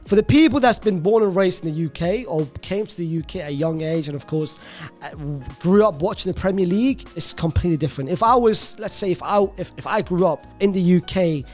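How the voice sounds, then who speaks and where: A man from Iraq talks casually to camera for his own channel. His voice sits fairly high, and his delivery is animated and slangy, with "bro" thrown in often and words doubled up for emphasis. Faint music plays underneath. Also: a little fast. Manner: restarts and repeats words for emphasis. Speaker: YouTuber.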